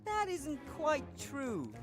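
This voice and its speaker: An earnest young adventure game heroine. Her high voice is direct, polite and determined, with faint music beneath it. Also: wildly swooping pitch, takes it slowly, full character voice. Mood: insistent. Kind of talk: acted adventure game dialogue.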